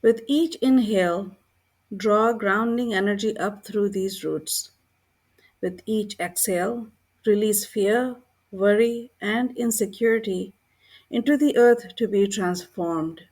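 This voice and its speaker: Calm and gentle, a woman at medium pitch reads a guided meditation from a script. Her phrases are short and unhurried, separated by pauses.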